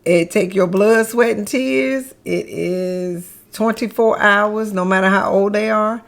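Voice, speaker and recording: A woman's voice: medium pitch, slow pace, creaky. A middle-aged mother chatting as an interview guest, playful and laughing often, repeating words for emphasis. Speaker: guest, mother and business founder. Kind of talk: casual conversational interview.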